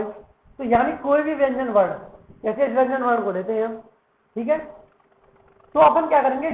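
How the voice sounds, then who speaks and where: A male Sanskrit teacher giving a lesson, who keeps asking questions and answering them himself, and repeats words to drill their pronunciation. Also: very high-pitched. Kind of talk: classroom lesson. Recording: echoey room, tinny phone-like sound.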